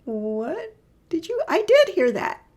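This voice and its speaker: A woman's voice: sits high, sing-song, unhurried, vocal fry, dark tone, pitched above the performer's own voice, exaggerated voice. A woman voicing a chatty, surprised female cow calling to her herd mates in a field. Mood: startled. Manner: startled, gossipy chatter.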